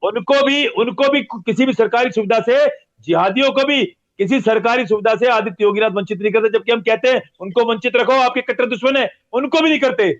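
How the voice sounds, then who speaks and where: A man's voice: extremely high pitch, brisk. A religious man answering an interviewer with heated, repetitive and accusatory talk. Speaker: religious guest. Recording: dull lo-fi audio.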